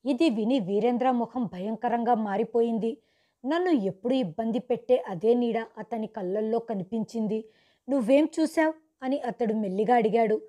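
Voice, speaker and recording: A woman's voice: fairly high pitch, normal speed, dark tone. A woman giving a dramatic, suspenseful first-person story narration from a script.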